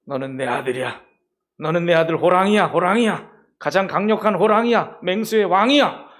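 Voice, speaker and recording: A man's voice: high voice, brisk, a bit bright. A man doing a proud, insistent father tiger. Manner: insistent reassuring.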